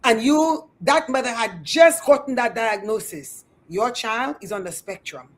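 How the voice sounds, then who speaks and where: A woman hosting a talk show, interviewing a guest with effusive praise and slow, deliberate questions. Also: a little high, animated.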